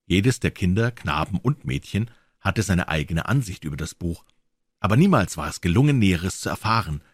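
A man reading a classic story as an audiobook, narrating in a measured, expressive way. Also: low-pitched, slightly rough, no room sound, studio quality. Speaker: audiobook reader.

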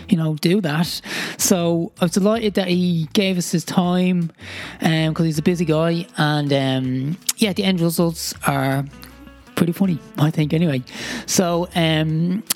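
A man's voice: high-pitched, darkish tone. Irish man hosting from inside a cramped wardrobe. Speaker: podcast host. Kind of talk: casual podcast introduction. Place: inside a wardrobe used as a makeshift sound booth.

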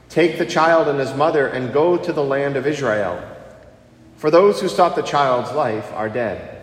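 Male priest, measured and deliberate reading and homily, big church reverb, cathedral echo on the voice. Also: medium pitch. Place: large church.

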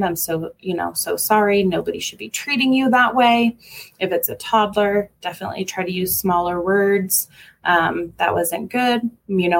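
A woman speaking as a parenting educator in a relaxed, conversational way. Her talk is informal, with frequent ums and restarts. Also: fairly low pitch.

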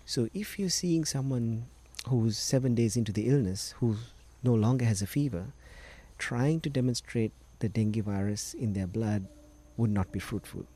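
A man's voice: mid-range voice, moderate pace, warm tone. A middle-aged man from Sri Lanka, a doctor patiently explaining medical matters as a guest on a podcast interview.

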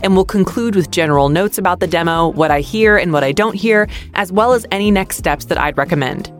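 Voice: medium pitch, fairly quick, soft background music. A podcast host giving friendly, constructive feedback on voice demos, with casual fillers. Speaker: podcast host, demo reviewer. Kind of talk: instructional podcast critique.

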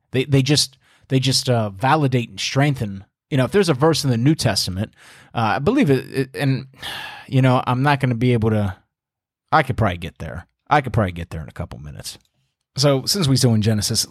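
A man hosts a casual Bible study podcast, talking loosely with frequent restarts and "you know" asides. His pitch is mid-range for a man. The recording is dry, with no room echo. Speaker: podcast host teaching scripture.

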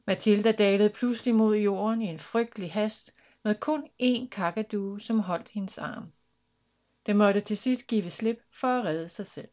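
A woman reads a children's story aloud in a lively, expressive way. Her voice sits at a middle pitch. The recording sounds dull and lo-fi.

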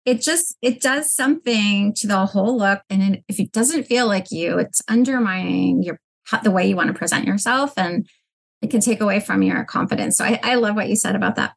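A woman's voice: mid-range voice, fairly quick, vocal fry. A woman founder answering interview questions in an earnest, reflective way. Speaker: guest, business founder.

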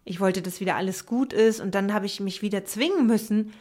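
A woman hosting a motivational podcast, speaking directly and encouragingly to the listener, sometimes dropping to a soft whisper. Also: mid-range voice, a little fast. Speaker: podcast host and coach. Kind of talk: casual motivational podcast talk.

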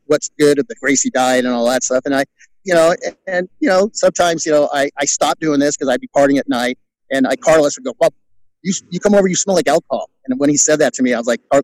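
Fast-talking middle-aged man, rambling stories. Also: mid-range voice, no room sound, low-quality recording. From California. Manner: rambling, lots of "you know", acts out quotes. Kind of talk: casual storytelling interview.

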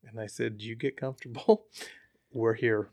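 A man telling a hunting story as an interview guest, relaxed and chatty with frequent fillers. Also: medium pitch, a little slow, dry recording, clean studio sound. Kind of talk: casual storytelling.

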